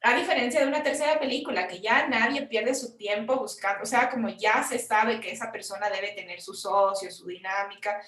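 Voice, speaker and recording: A Chilean woman, a film producer, explaining funding forms in a frank, conversational workshop talk with quick asides. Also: on the high side, fairly bright tone, echoey room, recorded from a distance. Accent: Chilean Spanish.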